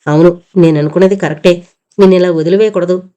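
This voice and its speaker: A woman's voice: lowish voice, fairly even intonation, quick pace, dark tone, highs cut off, close to an everyday voice. Woman reading as an insistent, demanding man. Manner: demanding, interrogating. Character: insistent adult man pressing for answers.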